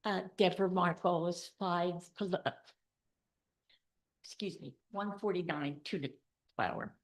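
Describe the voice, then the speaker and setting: A woman's voice: lowish voice, a little slow. A woman speaking during public comment at a council meeting into a podium microphone. She reads out a list, then speaks earnestly and with emphasis. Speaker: resident giving public comment. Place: township council meeting room.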